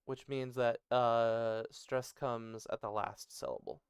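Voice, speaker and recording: A man's voice: mid-range voice, steady tone, slow pace, smooth, dry recording, studio quality. A man thinking aloud as he works on an invented language, muttering and correcting himself. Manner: muttering, self-correcting, musing. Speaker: conlang creator. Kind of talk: thinking aloud while working.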